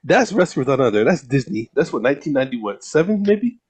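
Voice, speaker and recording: Animated, husky man in casual banter. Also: medium pitch, fast talker. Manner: animated, profane, slangy. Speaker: podcast co-host. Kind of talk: casual chat.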